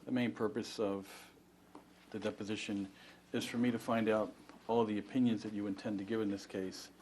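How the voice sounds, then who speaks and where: A man's voice: on the low side, flat delivery, normal speed, darkish tone. A man questioning as an attorney in a formal deposition, polite, methodical and procedural. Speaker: plaintiff's attorney questioning a witness. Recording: faint room noise.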